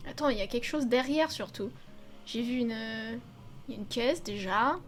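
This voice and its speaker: High-voiced young woman chatting over gameplay. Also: moderate pace. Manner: chatty, exclamatory, swears freely. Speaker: video game let's player. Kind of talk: casual gameplay commentary. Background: faint game music.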